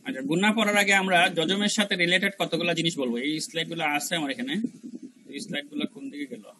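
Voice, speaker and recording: High, bright-voiced man teaching recitation. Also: a little hiss or hum, low-quality recording. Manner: demonstrates syllables by repeating them slowly; colloquial, mixes in English words. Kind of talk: online review class teaching Arabic letter pronunciation.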